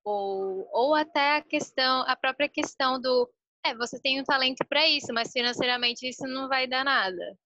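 A woman's voice: high-pitched, moderate pace, bright, forceful tone, dry recording. A woman in a casual group discussion, speaking hesitantly and thinking aloud. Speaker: group participant.

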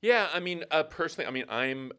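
A man's voice: a little high, expressive, quick pace, bright, forceful tone, clear, resonant tone. A middle-aged man, a pastor co-hosting a podcast, speaking thoughtfully with frequent restarts. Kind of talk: casual podcast conversation.

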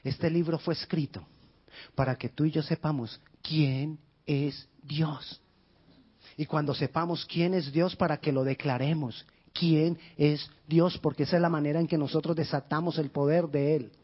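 A male pastor preaching a sermon with passion, rising to shouts and dropping to near whispers. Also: steady tone, measured pace, husky. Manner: impassioned, shouting in bursts then dropping low. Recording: dull lo-fi sound.

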